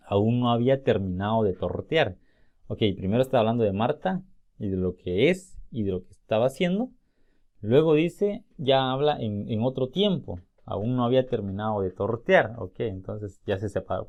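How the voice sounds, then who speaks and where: A man's voice: on the low side, animated, darkish tone, highs cut off. Man teaching a spelling lesson. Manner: explains step by step, slowly sounding out example words. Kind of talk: recorded spelling and grammar lesson.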